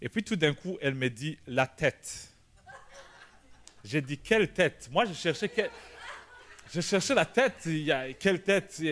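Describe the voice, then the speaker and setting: A male pastor, telling a personal story in a sermon, animated and shouting at the dramatic moments. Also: fairly high pitch, moderate pace, slight background noise. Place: church prayer meeting.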